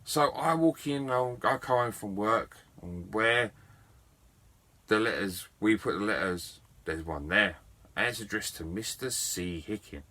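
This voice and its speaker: A man's voice: lowish voice, lively intonation, measured pace, sharp tone. A middle-aged man, a game collector telling a story to camera in a chatty, enthusiastic and self-mocking way. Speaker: video game collector vlogger.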